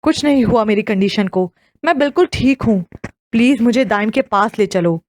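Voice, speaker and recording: Woman plays a frantic young wife in an audio novel, pleading, higher voice, dry. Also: expressive, darkish tone, no echo, close to an everyday voice.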